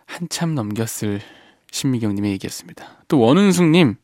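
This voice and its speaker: A man hosting a radio show in a studio, reading listener messages and reflecting on them in a soft, gentle way that often trails off quietly. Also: mid-range voice, lively intonation, fairly quick, no echo. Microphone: studio microphone.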